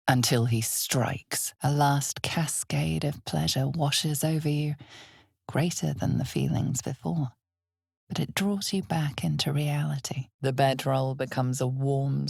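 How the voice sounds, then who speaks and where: A woman voices the ominous, all-knowing narrator of a dark fantasy game, speaking in a deep, husky, breathy, exaggerated voice at a measured, deliberate pace. The recording is studio quality with no echo.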